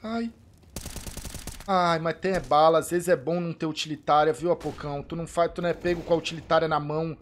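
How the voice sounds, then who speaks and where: A man with a Brazilian Portuguese accent giving excited live commentary on an esports match, breaking into shouts at big plays and repeating pleas for calm. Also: fairly high pitch, fast talker, a little hiss or hum. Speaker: streamer casting an esports match.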